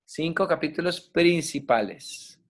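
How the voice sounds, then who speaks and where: A man, giving a yoga class lecture. He explains slowly, spells out and repeats Sanskrit words, and keeps checking in with his listeners. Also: fairly high pitch, animated. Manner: checks in with listeners, asking ok and right. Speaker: yoga teacher.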